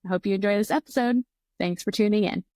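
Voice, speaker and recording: A woman's voice: medium pitch, quick pace, a little mellow, no room sound. A woman hosting a podcast, reading an intro and interviewing a guest with upbeat enthusiasm. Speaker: podcast host. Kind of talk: scripted intro, then casual interview.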